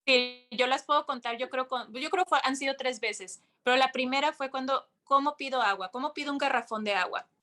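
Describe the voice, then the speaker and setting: A young adult woman, a podcast guest telling a story in a casual, animated way, acting out the quotes. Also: high voice, a little fast, few pauses. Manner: animated, full of restarts and acted-out quotes.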